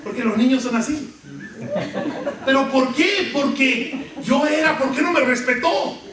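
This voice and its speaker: High-voiced Venezuelan preacher, echoey church. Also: male voice, measured pace, a crowd in the background. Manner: animated preaching with humorous anecdotes. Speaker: pastor. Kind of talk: sermon. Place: church sanctuary. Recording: echoey church hall from far off.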